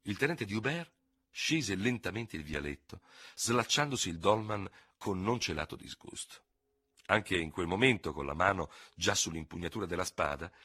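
A man narrating a novel in a dramatic, expressive reading style. His low voice is husky yet strikingly forceful, with a lively, rolling melody. The recording is dry and close to the mic. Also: no room sound. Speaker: audiobook reader.

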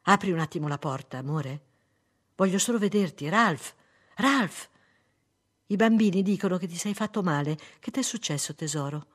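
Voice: mid-range voice, animated, normal speed, pitched above the performer's own voice, natural voice. A reader voicing an anxious adult wife who keeps pleading through a locked door in an audiobook. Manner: pleading, insistent. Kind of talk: audiobook reading.

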